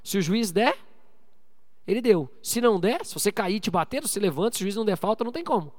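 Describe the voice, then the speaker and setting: A man with a strikingly high voice preaches to his church. He calls out for amens and swings from loud, pressing exhortation down to low, quiet asides. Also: animated, quick pace, long reverb tail. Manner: preaching with call-and-response to the congregation. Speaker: pastor. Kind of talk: sermon.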